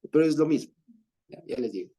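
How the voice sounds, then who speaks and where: A man's voice: fairly high pitch, expressive, fast, mellow. A man with an Ecuadorian accent leading a Bible study, explaining with everyday examples and chuckling often. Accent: Ecuadorian Spanish.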